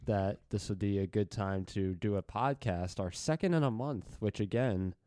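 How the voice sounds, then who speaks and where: A man's voice: fairly low pitch, moderate pace, mellow, dry recording, studio quality. A man co-hosting a casual podcast on a headset in an apartment, wry and joking, given to long analogies. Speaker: podcast co-host. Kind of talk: casual chat.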